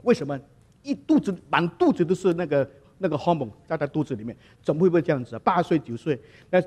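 A man preaching a sermon, telling lively stories and dropping words into his talk. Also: fairly high pitch, slightly rough. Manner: lively storytelling, mixing in English words. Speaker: pastor.

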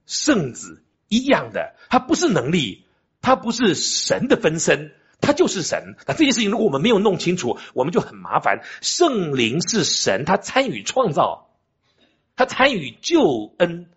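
Older male pastor, very husky voice, lively swooping pitch, preaching emphatically with rhetorical questions; dull lo-fi recording. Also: normal speed. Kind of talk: sermon.

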